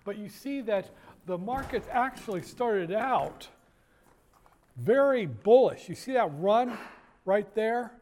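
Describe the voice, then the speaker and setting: A man's voice: high voice, animated, slow, a little mellow. A man giving a university finance lecture in a classroom, joking and digressing, talking straight to his students and often stopping to restart his sentences. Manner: jokey, digressive, with many fillers and restarts; addresses students directly.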